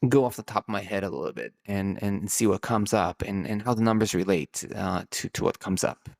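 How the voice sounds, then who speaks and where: A man with a lowish, gravelly voice talks briskly on his own podcast, musing off the cuff as a numerologist host. He rambles, stretches out key words, and keeps restarting his sentences in this improvised solo monologue.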